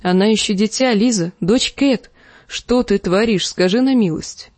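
Woman doing a calm sly lord guy, slow soothing talk, dry close mic. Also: mid-range voice, no room sound, close to an everyday voice. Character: calm scheming middle-aged lord, soothing.

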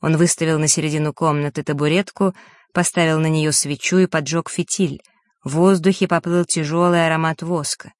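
Audiobook narrator, mid pitch, measured and steady, dry close sound. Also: no room sound. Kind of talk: scripted narration.

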